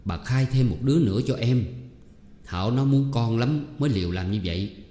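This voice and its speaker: A man voicing an anxious, guilty husband, speaking softly and pleading. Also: lowish voice, expressive, normal speed, natural voice. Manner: soft, pleading. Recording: roomy hall echo, faint music.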